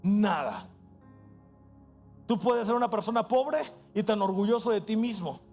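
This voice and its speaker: A man with a Mexican Spanish accent preaching a sermon as pastor, impassioned, switching between quick asides and slow, stressed phrases, and shouting at the peaks. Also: sits high, lively intonation, vocal fry, soft background music.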